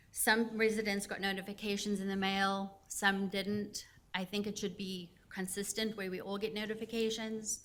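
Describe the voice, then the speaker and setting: A woman's voice: medium pitch, fairly bright tone. Woman, South African accent, resident at public hearing, earnest, concerned. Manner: earnest, concerned, with small laughs. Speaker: resident giving public comment. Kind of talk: public comment at a council meeting.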